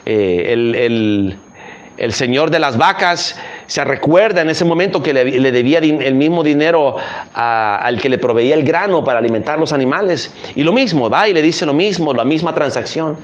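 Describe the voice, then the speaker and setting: A man's voice: fairly high pitch, expressive, moderate pace, highs cut off, a little hiss or hum. A man preaching a sermon as a missionary, telling a parable and then pressing its lesson with direct questions. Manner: storytelling, then pressing home the point with questions.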